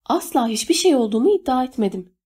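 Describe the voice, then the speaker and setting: A woman's voice: sits high, big pitch swings, fast, mellow, husky, pitched above the performer's own voice, exaggerated voice. Woman voicing a placating young man. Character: young man, peacemaking narrator-hero. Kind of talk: audiobook character voice.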